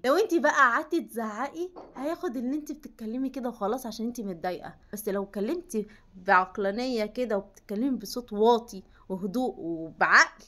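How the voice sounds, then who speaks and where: A woman's voice: fairly high pitch, a bit bright. A young adult woman with an Egyptian Arabic accent, giving emphatic, coaching advice straight to the viewer in a self-help vlog. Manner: emphatic, coaching, addresses listener as "you".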